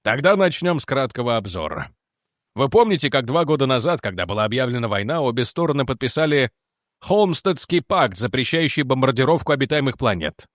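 A man playing a weary, calm general. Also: no echo, clean studio sound, close to an everyday voice. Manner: calm, measured, low delivery. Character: weary, calm middle-aged male general.

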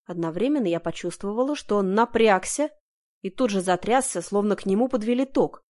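Brief: woman reading a first-person story aloud, dramatic and emotional, middle pitch. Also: lively intonation, fairly quick, darkish tone. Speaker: audiobook narrator. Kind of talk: first-person audiobook narration.

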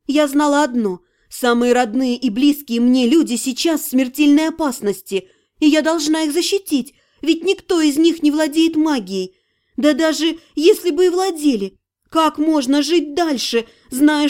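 A woman narrating a first-person fantasy novel as an audiobook, with an expressive, even reading. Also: high voice.

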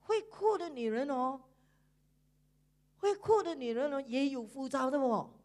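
A woman preaching a sermon in church, animated, with frequent laughter and emphatic sentence endings. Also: high voice, measured pace.

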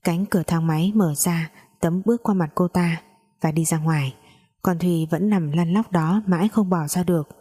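A woman narrating a story in a lively, conversational way. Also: lowish voice, normal speed, husky, soft background music.

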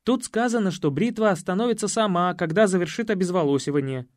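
A man's voice: sits high, lively intonation, no room sound, studio quality. A man doing a fussy, nervous young secretary. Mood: flustered. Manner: quick, anxious, apologetic. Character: fussy apologetic male secretary, nervous and eager. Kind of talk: audiobook character voice.

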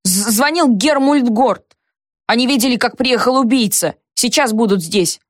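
A woman reading aloud and voicing a flustered, excitable man who shouts and stammers in a high voice. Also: normal speed, no room sound, clean studio sound, close to an everyday voice.

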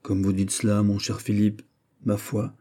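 Brief: a stern older queen mother, read by a man, cool and chiding, storybook, dark husky tone. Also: fairly low pitch, completely flat delivery, normal speed.

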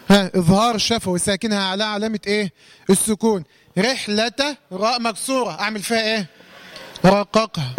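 A man with an Egyptian accent teaching a Quran recitation lesson. He quizzes his listeners, answers his own questions and draws out words slowly to demonstrate them. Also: high-pitched, a bit bright. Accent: Egyptian Arabic. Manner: slowly drawn-out recitation demos.

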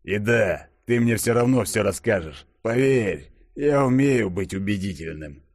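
A man voicing a seasoned, stern male chief who speaks in a gruff, measured, growling way. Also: on the low side, expressive, a little mellow, no room sound, studio quality.

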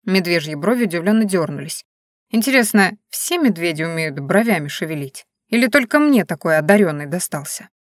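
A woman narrating a first-person story in a wry, expressive way. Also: lowish voice, fairly quick, no echo, clean studio sound. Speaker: audiobook narrator.

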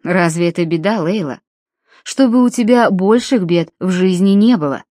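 A woman reading an audiobook, voicing a cheerful, smooth-talking middle-aged male dentist in a slightly lowered voice. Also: moderate pace, dry recording, clean studio sound, close to an everyday voice. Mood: reassuring. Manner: genial, flattering, slightly lowered voice.

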